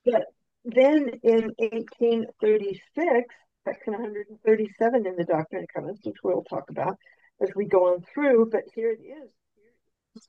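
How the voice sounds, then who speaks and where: A woman's voice: fairly high pitch, moderate pace, no echo, narrow, tinny audio. A woman on a scripture discussion panel, talking earnestly while her microphone crackles and cuts in and out. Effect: microphone cutting in and out, crackly. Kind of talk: scripture study discussion, reading passages aloud. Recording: dry close mic dropping out.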